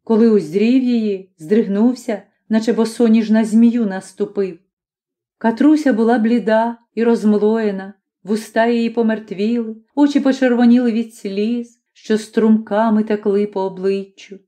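A woman narrating a fantasy story as an audiobook, in a measured, dramatic reading. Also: a little high, fairly even intonation, dark tone.

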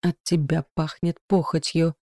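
A woman voicing an obsessed male stalker with a muffled, hoarse voice, in a storybook reading. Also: deep voice, level tone, measured pace, darkish tone, no echo, studio quality. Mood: hateful.

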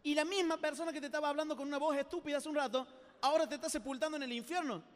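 A man with a Rioplatense Spanish accent giving an animated, humorous youth talk, acting out little scenes as he speaks. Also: very high-pitched, racing, long reverb tail. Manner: animated, acts out voices, jokes with the audience.

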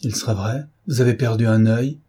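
A man's voice: mid-range voice, a little fast, warm tone, slightly rough, close to an everyday voice. A man voicing a sarcastic, scolding middle-aged housekeeper in an audiobook reading. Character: sharp-tongued middle-aged woman housekeeper.

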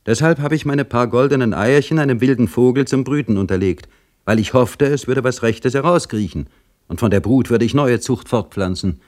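A man reading a story, voicing a bitter, sly male livery servant who grumbles loudly and mocks. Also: medium pitch, moderate pace, pitched above the performer's own voice, natural voice. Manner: loud, complaining and mocking.

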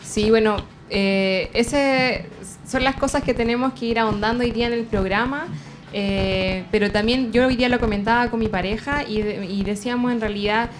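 Una mujer con acento chileno que conduce el programa, habla de forma reflexiva y pausada, con muletillas. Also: female voice, on the high side, steady tone, faint music behind. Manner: reflective, measured, many fillers. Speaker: host. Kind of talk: casual radio chat. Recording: faint background ambience.

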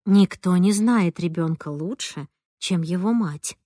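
A woman voicing a stern, worried middle-aged mother in an audiobook, speaking lower and slower and lecturing. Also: warm tone, no echo, studio quality. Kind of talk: audiobook character voice.

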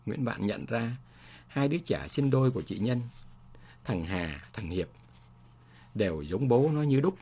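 A man narrating a story aloud in a measured, expressive way. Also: mid-range voice, husky.

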